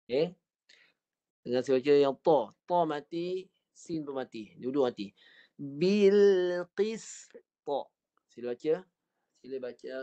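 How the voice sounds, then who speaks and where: Again a slow recitation lesson: the teacher, who has a Malaysian accent, voices each Quran word and asks students to say it back. His mid-range voice is dark in tone, at normal speed with long pauses, over dull, lo-fi online class audio.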